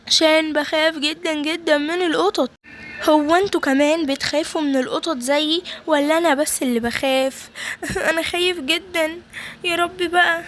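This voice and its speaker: Casting: woman playing a frightened possessed boy in a game, Egyptian accent, high whiny voice. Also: fairly bright tone, slight background noise. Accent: Egyptian Arabic. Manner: whiny, fretful, complains to viewers. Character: timid possessed little boy, scared of cats. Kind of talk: playful game role-play narration.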